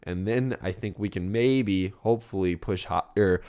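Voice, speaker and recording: A young man hosting a casual crypto video, chatty and rambling, with a voice that is a bit rough today. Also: deep voice, normal speed, a little mellow. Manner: chatty and rambling, many fillers and restarts. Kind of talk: casual market commentary.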